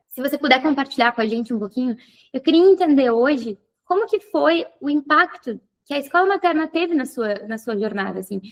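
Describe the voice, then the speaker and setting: A woman hosting an interview, talkative and thinking aloud with many fillers. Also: high-pitched. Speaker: podcast host and physiotherapy teacher. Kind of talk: casual interview chat.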